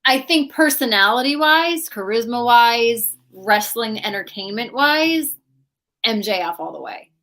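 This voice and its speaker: Bright chatty woman co-host. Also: fairly high pitch, lively intonation, a little slow. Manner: chatty, leans on "like" a lot. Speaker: podcast co-host. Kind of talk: casual podcast chat.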